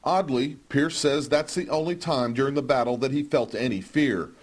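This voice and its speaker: A man's voice: medium pitch, normal speed. A man narrating a scripted television news story as a field reporter.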